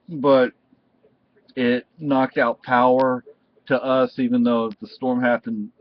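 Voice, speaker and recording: A middle-aged American man, a video reviewer, talks casually and unscripted, rambling and halting as he keeps restarting his sentences. His voice is mid-range, and the recording is lo-fi with no room sound.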